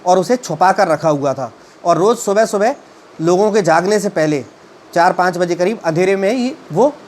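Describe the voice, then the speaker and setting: Reading English lines slowly before retelling and explaining them, a man teaches a story at a halting pace full of fillers. His high voice is a little mellow with lively intonation, and there's slight background noise.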